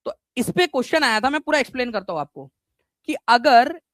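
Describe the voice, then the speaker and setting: A male teacher giving a live online exam-prep class, energetic and repetitive, quizzing his students and mixing in English words. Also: extremely high pitch, a little fast, no echo.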